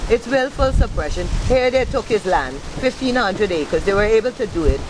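A woman's voice: lively intonation, moderate pace. A woman in her fifties from Guyana, speaking passionately in an outdoor interview, firing off rhetorical questions into a handheld mic. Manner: passionate, rhetorical questions, wide pitch swings. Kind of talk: impassioned interview talk. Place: outdoors under a thatched shelter. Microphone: handheld mic held by interviewer. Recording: outdoor recording with wind noise. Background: wind and outdoor noise.

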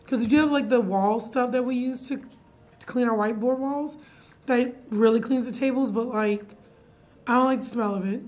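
A young woman, a teacher chatting casually to camera in her classroom, animated and full of fillers. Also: fairly high pitch, normal speed, faint music behind. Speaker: middle school science teacher. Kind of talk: casual vlog chat. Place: classroom, indoors.

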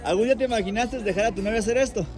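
A man's voice: high-pitched, very fast. A young man with a Mexican accent hosts a street challenge, teasing and cheering people on in slangy casual talk, filmed on a handheld phone in a crowded plaza. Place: crowded outdoor plaza by a car. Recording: loud crowd and music outdoors.

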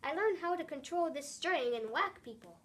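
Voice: high-pitched, expressive, moderate pace, fairly bright tone. A young voice chattily voicing toy dogs in an amateur toy role-play. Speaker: home video creator voicing toy dogs.

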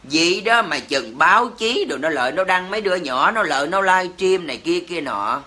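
A man's voice: high-pitched, animated, fairly quick, bright, forceful tone. A man with a Southern Vietnamese accent, ranting indignantly to his livestream viewers, cursing and exclaiming as he talks. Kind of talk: heated livestream rant.

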